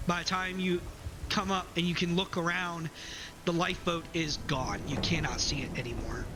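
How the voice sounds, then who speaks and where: A man narrating as game master of a tabletop game, calm and descriptive. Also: fairly high pitch, moderate pace, background noise.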